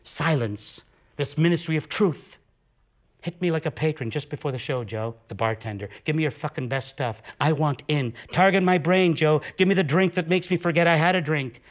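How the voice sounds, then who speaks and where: A man performing an intense, profane theatrical monologue with dramatic swings of pitch and volume. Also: normal speed. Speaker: solo stage performer.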